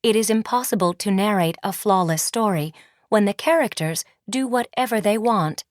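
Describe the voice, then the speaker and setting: In a medium-pitched voice close to how she'd normally sound, at normal speed with no echo and clean studio audio, a woman plays a commanding school founder made entirely of words. The colorless character is cold and clipped, tagging every remark with a single-word label.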